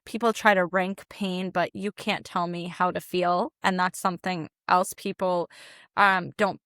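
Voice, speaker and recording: A woman hosts a podcast in a casual, eager way, piling up fillers as she responds. Her voice is a little lower than most women's. The recording is dry and close, with no room sound. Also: fairly even intonation, a bit bright, no echo. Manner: enthusiastic and quick, with many fillers like "like". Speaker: podcast host. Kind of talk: casual interview chat.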